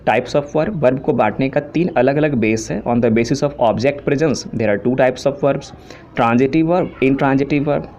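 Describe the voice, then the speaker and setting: Hindi-speaking English teacher listing grammar terms. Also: male voice, medium pitch, a little mellow. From India. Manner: lists terms steadily, explains in simple asides. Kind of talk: classroom lecture. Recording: dull lo-fi recording with faint hiss.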